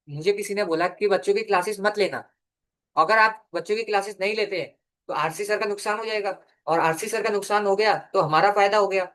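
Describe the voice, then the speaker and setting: A young man giving a law lecture, dictating definitions slowly and answering his own questions as he teaches. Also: high-pitched, a bit bright. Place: classroom or studio.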